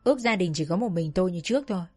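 A woman narrating a personal childhood story in a calm, reflective, confiding way. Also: on the low side, rapid-fire, husky, soft background music.

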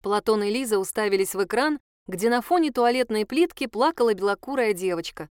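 A woman narrating an audiobook in an even, unhurried reading. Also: medium pitch, clear, resonant tone, dry recording, studio quality. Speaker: audiobook reader.

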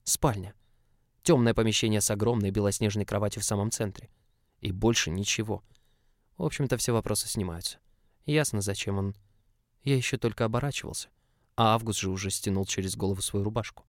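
A man narrating a novel in the first person in an even, measured reading. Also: on the low side, dry recording, studio quality. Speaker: audiobook narrator.

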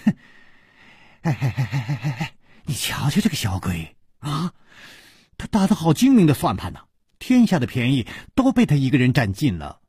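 A man voicing a sharp-tongued young woman in a told story, scolding and mocking. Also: medium pitch, huge pitch swings, moderate pace, long pauses, husky, dry recording, studio quality, exaggerated voice.

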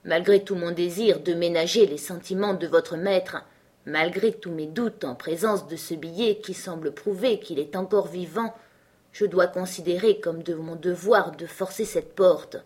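A woman reading a composed middle-aged male lawyer in an audiobook, measured and reasoning. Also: lowish voice, darkish tone, husky.

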